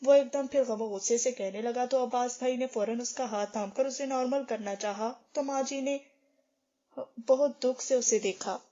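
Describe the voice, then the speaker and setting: A woman narrating a novel as an audiobook, reading every character's lines in a steady storytelling manner. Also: on the high side. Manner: steady storytelling, shifts tone for dialogue. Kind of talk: scripted novel reading, voicing all characters. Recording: dull lo-fi recording.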